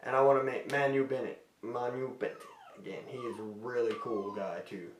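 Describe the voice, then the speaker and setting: A man's voice: mid-range voice, steady tone, brisk, far from the mic, noisy background. A man answering fan questions in a casual, rambling way, often breaking off mid-sentence. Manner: rambling, self-interrupting, friendly. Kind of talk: casual Q&A vlog. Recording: roomy and off-mic.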